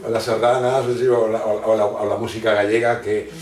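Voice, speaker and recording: A man from Argentina with a lowish, fairly flat and slightly mellow voice speaks briskly as an interview guest, explaining his ideas at length in a lecturing way and often hesitating and restarting sentences. The distant mic gives a roomy sound with slight background noise.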